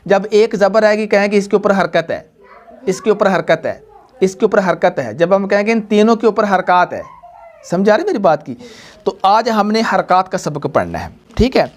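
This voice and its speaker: Speaking high with big swings in pitch, a man teaches a Quran reading class to students and viewers, slowly drilling them, repeating material and quizzing them through call-and-response.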